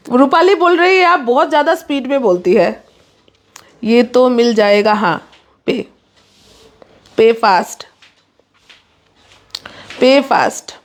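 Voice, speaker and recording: A woman hosting a live saree sale, urging viewers to book fast in quick, pushy patter mixed with English. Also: fairly high pitch. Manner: rapid, pushy sales patter, mixing English in. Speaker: online saree seller. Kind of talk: live sales stream.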